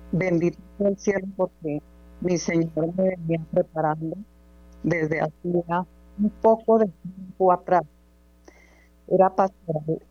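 Slow, devout woman on a phone line. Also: fairly low pitch, warm tone, dry recording. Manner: earnest, devout, halting. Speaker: caller. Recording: dull phone line with mains hum.

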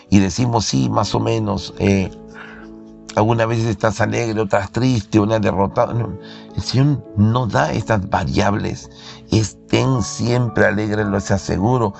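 A man preaching a sermon with fervor and emphasis, his voice jumping up into shouts at times. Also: fairly low pitch, creaky. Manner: fervent, emphatic preaching with sudden raised shouts.

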